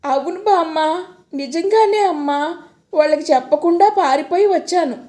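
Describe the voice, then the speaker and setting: A young married woman in a storybook reading, overwhelmed and tearful, pleading in a high, soft voice, voiced by a woman narrator. Her tone is mellow rather than bright. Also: moderate pace. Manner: emotional, pleading.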